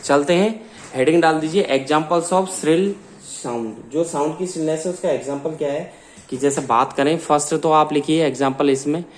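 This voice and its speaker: A man's voice: a little high, steady tone, slight background noise. A man with an Indian accent, a science teacher dictating class notes and spelling out words letter by letter. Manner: slow dictation, spells out words letter by letter, mixes Hindi and English.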